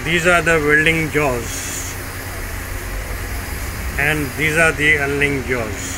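A man giving slow, step-by-step instructions while demonstrating a machine in a workshop. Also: fairly high pitch. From India. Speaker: product demonstrator. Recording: noisy workshop recording.

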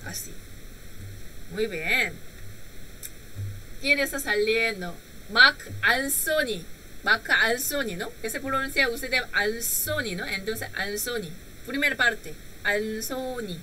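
A woman's voice: on the high side, slow pace, pushed and bright, slight background noise, poor audio. A woman whose first language is Korean, teaching a live-streamed language lesson, patiently repeating phrases and checking in with "¿no?". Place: home room.

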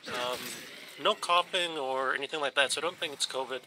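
A gaming YouTuber with a stuffed, runny nose talks over his game footage in a casual let's play, rambling with lots of ums and restarts. His mid-range male voice is brisk, and there's noise in the background.

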